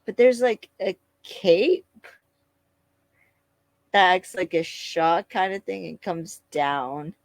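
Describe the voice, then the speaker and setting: A woman's voice: fairly low pitch, lively intonation, slow pace, no room sound. A woman co-hosting a casual podcast, retelling a TV episode and acting out characters' lines. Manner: retells scenes, acts out lines. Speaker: podcast co-host. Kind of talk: casual episode recap chat.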